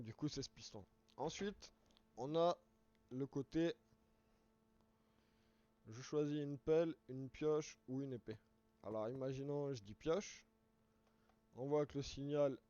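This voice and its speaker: A hoarse, mellow-voiced man chats through a live game stream, walking viewers through things step by step. He rambles and trips over words now and then. The sound is dull and lo-fi. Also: medium pitch, measured pace, pauses often.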